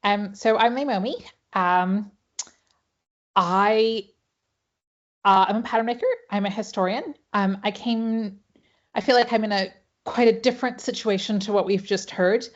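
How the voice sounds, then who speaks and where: A woman's voice: mid-range voice, steady tone, unhurried, long pauses. A woman with an American accent, a pattern maker and historian, talking chattily with many fillers on an online panel. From Hawaii, United States. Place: home, late at night in New Zealand. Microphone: video call. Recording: dull lo-fi video call audio.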